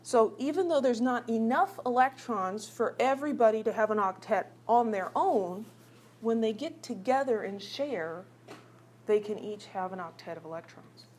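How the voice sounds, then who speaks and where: A woman's voice: fairly high pitch, expressive, moderate pace, darkish tone. A woman teaching a chemistry class in a chatty, teasing way, asking her students questions as she works through examples. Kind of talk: recorded classroom lecture.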